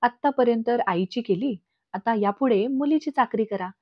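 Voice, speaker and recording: A woman voicing a bitter, vengeful middle-aged aunt who talks in a sharp, taunting way. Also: fairly high pitch, moderate pace, no room sound, close to an everyday voice. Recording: dull lo-fi recording.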